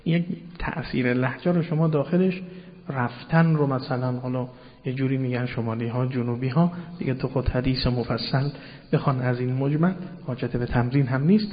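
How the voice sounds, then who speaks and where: A man giving a religious lecture, explaining word meanings patiently and addressing his listeners politely, often repeating key terms. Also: medium pitch. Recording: dull sound with long hall reverb.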